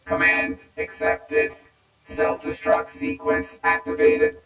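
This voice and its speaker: A man voicing a broken old male war robot through a glitching robot voice filter, giving clipped reports and repeating errors. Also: slow. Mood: mechanical. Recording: echoey, distant, with music behind.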